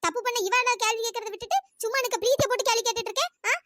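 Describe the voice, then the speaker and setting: A performer voicing a sharp-tongued older aunt in a cartoon story, nagging and accusing. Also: very high voice, racing, heavy background noise. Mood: scolding. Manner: nagging, accusing, shouting insults.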